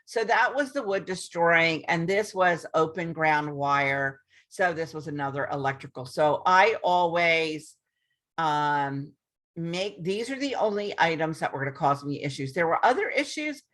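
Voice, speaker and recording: A woman's voice: deep voice, a little slow, fairly bright tone. A woman realtor talking casually to her viewers, with frequent restarts and ums. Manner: chatty, repeats herself, many restarts and ums. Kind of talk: casual explainer to camera. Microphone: screen-share video recording.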